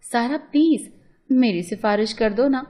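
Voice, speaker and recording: Woman doing a young male classmate, teasing, sarcastic, storybook, fairly high voice. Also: lively intonation, normal speed, dark tone. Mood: mocking.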